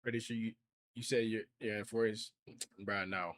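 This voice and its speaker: A man's voice: fairly low pitch, steady tone, moderate pace, fairly bright tone. A man in his twenties, casually chatting on a livestream in heavy slang, reacting to and reading out viewer comments. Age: 20s. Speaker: streamer.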